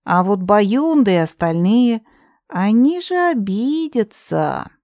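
A woman reader voicing a young heroine who speaks sweetly and flatters with exaggerated indignation. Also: medium pitch, takes it slowly, dry recording, studio quality, voice pushed up. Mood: coaxing.

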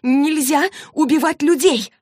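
A woman's voice: on the low side, normal speed, slightly rough, no room sound, studio quality. A woman reading as a defiant, indignant young girl. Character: stubborn young woman, frightened but defiant. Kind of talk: audiobook reading.

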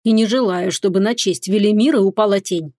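A woman reading an audiobook, voicing a male emperor who talks in a measured, dryly ironic way. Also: medium pitch, a little mellow, no room sound, studio quality, natural voice. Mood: firm. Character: calm authoritative male emperor.

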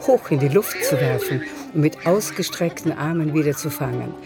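A man narrates a literary story for a radio drama at normal speed with lively intonation. His voice sits somewhat high for a man, and music is clearly audible behind him.

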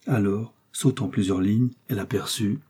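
A man narrating a classic novel in a measured, expressive reading. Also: lowish voice, slightly rough. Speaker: audiobook narrator. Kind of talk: scripted literary narration.

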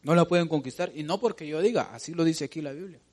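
A man preaching a sermon, asking rhetorical questions and calling out to his listeners as "brother", building to loud emphatic appeals. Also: on the high side, fast. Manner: preaching, calls out "hermano" and builds to shouts. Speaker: pastor.

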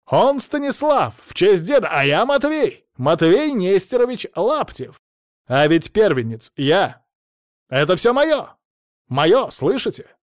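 A man's voice: on the high side, sing-song, moderate pace, dry recording, studio quality, voice pushed up. A male reader voicing a brash, cocky young man who talks back defiantly. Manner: defiant, mocking, insistent.

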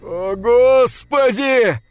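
A man voicing a drunk, tearful, defiant grown man who shouts and wails his words out slowly. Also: very high voice, clean tone, dry recording, clean studio sound, pitched above the performer's own voice, exaggerated voice. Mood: anguished shouting. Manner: loud, drawn-out, wailing delivery.

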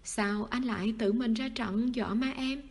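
A woman's voice: on the high side, unhurried, a little mellow, lightly acted. A woman voicing a scared, whiny young man in a read-aloud storybook. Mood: whining. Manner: pleading, whiny.

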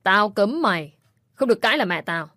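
A woman voicing a drunk, violent young husband who talks roughly and threateningly, in a dry recording with faint music behind. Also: medium pitch, moderate pace, no room sound, close to an everyday voice.

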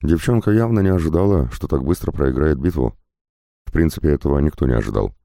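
A man's voice: a bass voice, animated, fast, gravelly, warm tone, no room sound, studio quality, heavily acted. A man voicing a sly, mocking, seasoned mercenary starship captain in a spoken audiobook.

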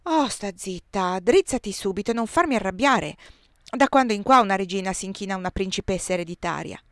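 A woman's voice: mid-range voice, expressive, a little fast, no room sound, studio quality, natural voice. A woman reading aloud as an earnest, anxious young princess.

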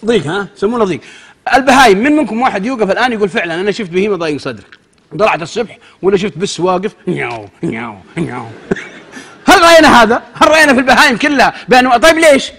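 A man giving a humorous, animated sermon, acting out little scenes and swinging between loud and soft. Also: high-pitched, very fast, breathy edge. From Saudi Arabia. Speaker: preacher.

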